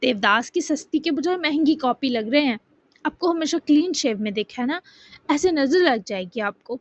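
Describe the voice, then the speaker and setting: A woman's voice: high voice, lively intonation, dry recording. A woman voicing a shy, sweet young woman in a bashful, pleading manner. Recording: dull dry lo-fi sound.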